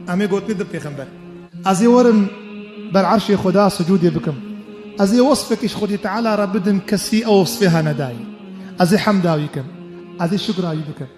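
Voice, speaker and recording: A man's voice: high-pitched, animated, rapid-fire, pauses often. A man preaching a Friday sermon, fervent, with sung Arabic invocations. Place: mosque. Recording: echoey mosque hall, faint music.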